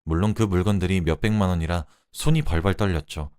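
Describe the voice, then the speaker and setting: A man narrating a first-person story in a radio drama, with expressive storytelling. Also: sits low, fast, smooth, no room sound, studio quality. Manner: expressive storytelling, lively delivery.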